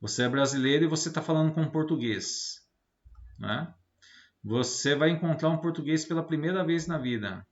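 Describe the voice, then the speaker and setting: A Brazilian teacher with a slightly high voice speaks at a normal speed during an informal technical lecture. He explains things didactically, regularly dropping in brief tag questions to confirm understanding and agreement. The recording has a roomy, lo-fi, somewhat muffled quality.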